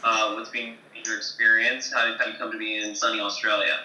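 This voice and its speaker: A man's voice: lowish voice, level tone, a little fast, pushed and bright, echoey room, slight background noise, poor audio. A man hosting a podcast interview, talking casually with many fillers and hesitant restarts. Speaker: podcast host.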